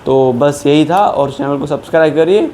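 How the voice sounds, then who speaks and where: A high-pitched man runs an exam-prep vocabulary lesson. He explains each word in Hindi, then reads example sentences out slowly and deliberately. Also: warm tone. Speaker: English vocabulary teacher.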